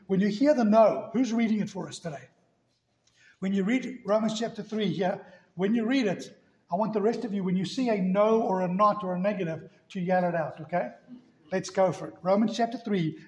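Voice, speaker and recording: A man with a high-pitched, darkish voice delivers an emphatic church sermon. He hammers key words again and again with building force, and the recording carries an echoey room sound.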